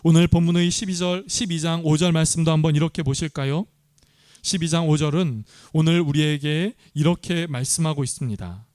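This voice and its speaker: Earnest preaching man, smooth and dry. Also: fairly high pitch, steady tone, fairly quick, darkish tone, no echo. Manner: earnest, asks the congregation questions. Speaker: pastor. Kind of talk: sermon.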